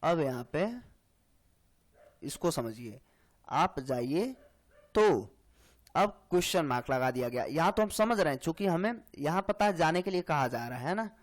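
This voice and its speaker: A man teaching grammar for exam preparation, explaining slowly and checking in often with "hai na" and "theek hai". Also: fairly high pitch, lively intonation. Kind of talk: exam-prep lecture.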